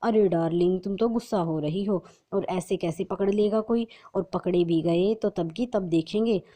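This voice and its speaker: A woman voicing a smooth-talking young male lover in a romantic, coaxing manner. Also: medium pitch, moderate pace, dark tone, close to an everyday voice. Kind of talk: storybook narration.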